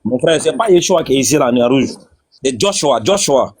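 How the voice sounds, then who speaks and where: A man's voice: mid-range voice, expressive, moderate pace, breathy edge. A man in a religious debate, insistently repeating his questions.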